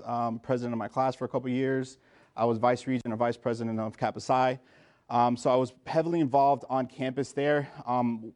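A man's voice: medium pitch, a little mellow. Man, 30s, from the US, pharmacist guest speaker, informal and chatty with a room of students, plenty of fillers. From United States. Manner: informal, many fillers and restarts. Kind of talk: casual talk to students. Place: lecture room.

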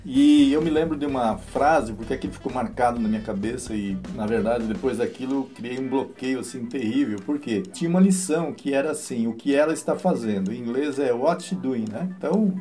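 A Brazilian man in his fifties, a father, telling a story in a lively, casual chat and often tagging his sentences with a quick question. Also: medium pitch, faint music behind. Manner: lively storyteller, frequent "né?", laughs as he tells.

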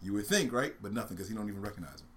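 A man's voice: fairly low pitch, racing, heavy background noise. A man on a casual talk show, telling a long joke with lots of laughs and shrieking voices. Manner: animated, laughs a lot, shrieks during voiced parts of jokes.

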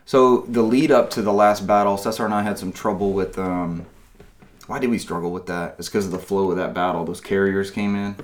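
A man with a lowish voice hosts a relaxed gaming chat. He rambles through his stories and drops quoted asides as he goes. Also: fairly quick. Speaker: podcast host.

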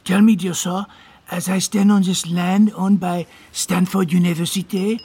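A man's voice: sits high, flat delivery, unhurried, dark tone, husky, no echo, exaggerated voice. An actor playing a courteous, inquisitive French man with a French accent, speaking in a formal, polite way in a radio drama. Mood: courteous, curious.

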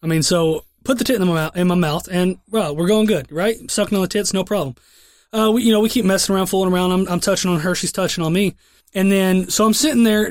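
Young man, podcast co-host, profane rambling storyteller, high pitch, dry close mic. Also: no echo. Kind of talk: casual crude chat.

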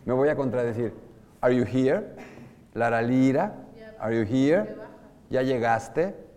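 A man's voice: on the low side, a little mellow. A man with a Mexican Spanish accent gives an informal lecture on opera, asking his audience questions and singing short examples. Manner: explains with sung and spoken examples, asks the audience questions. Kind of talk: informal lecture to a live group. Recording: long hall reverb.

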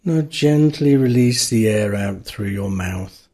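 A man narrating a guided meditation, giving calm, gentle instructions with long pauses. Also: lowish voice.

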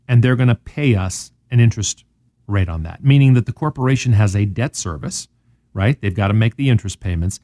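A man with a Southern US accent hosting a financial talk show, explaining markets in an animated, sarcastic way full of rhetorical questions. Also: mid-range voice, no echo, clean studio sound. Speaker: radio show host.

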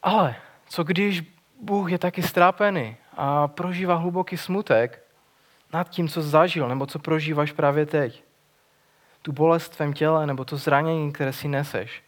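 Earnest man preaching, slightly high voice. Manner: earnest, conversational, with frequent restarts and fillers. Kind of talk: sermon retelling a gospel story.

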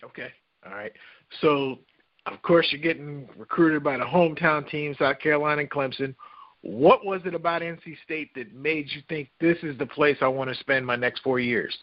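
A man's voice: a little high, moderate pace, highs cut off. A male podcast host asking short interview questions. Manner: brief prompts and questions.

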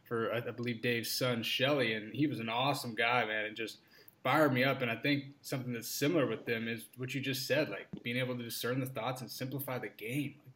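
A man's voice: mid-range voice, a bit bright, slight background noise. A man hosting a podcast interview in casual chat, dropping "man" and "like" often. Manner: casual, says "man" and "like" a lot. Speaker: podcast host.

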